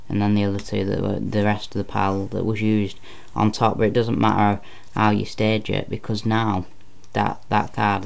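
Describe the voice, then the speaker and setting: A man's voice: lowish voice, vocal fry. A man giving informal card magician patter, explaining step by step and repeating phrases as he goes. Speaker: card trick presenter.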